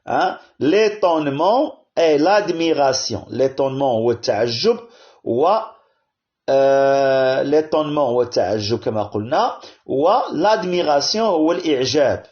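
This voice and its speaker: Animated man teaching grammar. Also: mid-range voice. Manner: switches between French and Arabic, explaining slowly with frequent "hein?" and "bien". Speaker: primary school teacher. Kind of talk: classroom-style grammar lesson. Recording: dull lo-fi audio.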